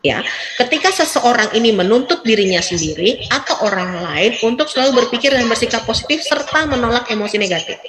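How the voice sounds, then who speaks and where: Lively woman talking to a crowd. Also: on the high side, brisk, low-quality recording. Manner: lively, acts out quoted voices, laughs often. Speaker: psychiatrist. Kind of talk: motivational talk to an audience.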